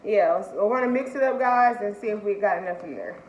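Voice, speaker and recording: Teary-eyed from the spicy food, this female vlogger talks quickly in a mid-range voice as she hosts a laid-back food challenge and chats to her audience. There's a roomy, slightly dull quality to the audio and a faint hiss of noise.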